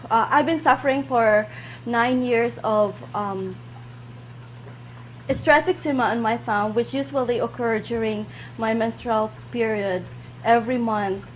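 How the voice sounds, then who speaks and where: A woman speaks hesitantly at a slightly high pitch. A faint hum sits behind her voice. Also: a little slow, low-quality recording. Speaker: customer giving a testimonial. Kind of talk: unscripted testimonial.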